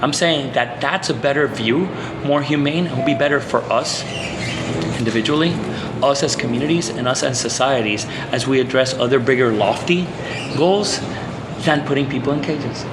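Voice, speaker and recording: A Puerto Rican man who works as a social psychologist speaks earnestly as an interview guest, often restarting and using fillers. His voice is medium-pitched at a normal speed, with noise in the background. It's a conversational interview.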